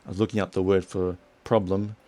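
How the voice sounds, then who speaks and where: Deep-voiced male chat host. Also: a little fast. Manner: relaxed, rambling with restarts. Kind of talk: casual chat.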